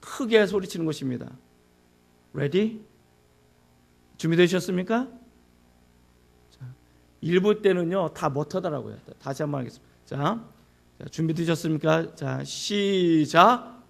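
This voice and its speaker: A man's voice: fairly high pitch, normal speed, creaky, long pauses, darkish tone. A male pastor preaching a sermon, who asks the congregation questions and acts out anguished cries.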